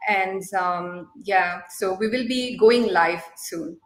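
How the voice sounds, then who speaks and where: A young woman from Nepal answers questions as a guest in an online interview. She explains at length, pausing on fillers as she thinks, and sits at a mid pitch. Her voice carries a noticeable room echo. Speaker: guest, startup co-founder.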